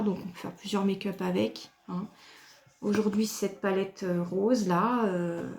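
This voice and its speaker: Woman, from France, beauty vlogger, slow pace, patient step-by-step explaining, talking to camera. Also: mid-range voice, darkish tone. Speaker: beauty YouTuber. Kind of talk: makeup tutorial talk to camera.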